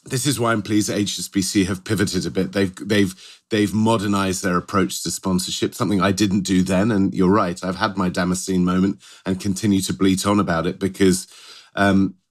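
A man's voice: sits low, little pitch movement, brisk. A middle-aged British man co-hosting a podcast in a conversational style, often rephrasing as he goes. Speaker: podcast co-host.

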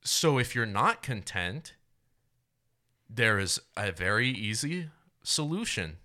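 A man's voice: lowish voice, very animated, slow pace, bright, forceful tone. A man in his twenties talking politics on a casual podcast, rambling and swearing, laughing often and restarting his sentences. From United States. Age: 20s. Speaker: podcast co-host.

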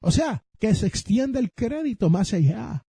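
A Puerto Rican man hosting a personal finance podcast, telling stories in an animated way and speaking straight to his listeners. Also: high-pitched, unhurried, husky, no echo, studio quality. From Puerto Rico. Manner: animated storytelling, addresses listeners directly. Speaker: podcast host.

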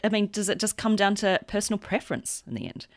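A woman with a New Zealand accent hosting a podcast interview, friendly and lively, with light laughs. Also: medium pitch, fast, no echo, clean studio sound.

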